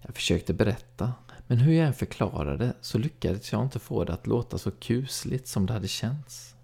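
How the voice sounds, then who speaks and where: A man narrating a first-person story in a calm, even storytelling read. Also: on the low side, gravelly, slightly rough. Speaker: audiobook narrator.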